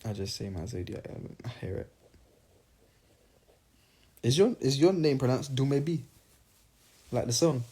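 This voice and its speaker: A man's voice: mid-range voice, lively intonation, normal speed, long pauses, dark tone, slight background noise. A young man casually reading fan questions aloud and answering them on a phone livestream, rambling and playful. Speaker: singer answering fans on a livestream.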